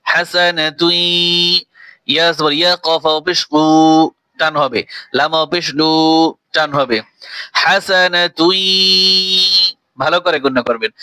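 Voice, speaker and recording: Man, Bengali accent, Quran lesson, letter-by-letter spelling, slow drawn recitation, bright tone, dry sound. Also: fairly high pitch, no room sound, poor audio. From Bangladesh. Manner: slow drawn-out recitation between quick spoken explanations. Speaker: Quran reading teacher.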